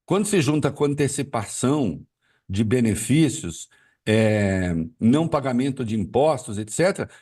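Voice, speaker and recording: Making his point on a live broadcast, this male political commentator leans on rhetorical questions and frequent fillers. His voice is expressive, mellow and a little breathy, with wide pitch swings at a moderate pace, and he seems somewhat off-mic.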